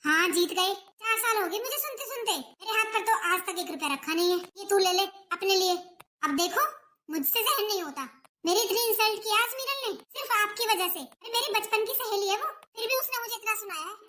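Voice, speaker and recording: A young wife in a home drama skit, voiced by a woman complains and reproaches her idle husband. The voice is bright and very high. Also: brisk. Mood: reproachful. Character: young wife, elder daughter-in-law, hurt and complaining.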